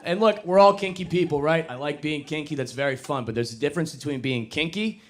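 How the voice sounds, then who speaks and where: A young man performing a stand-up comedy set on a club stage, self-deprecating and deadpan, then suddenly loud. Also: fairly high pitch, quick pace. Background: audience laughter.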